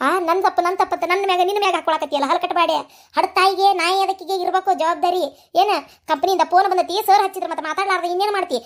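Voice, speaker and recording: A woman's voice: extremely high pitch, fairly even intonation, very fast. A woman voicing an older, fiery grandmother in a cartoon, scolding and heaping curses in a North Karnataka Kannada accent. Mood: cursing. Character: fiery cursing old grandmother, sharp-tongued. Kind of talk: cartoon voice acting.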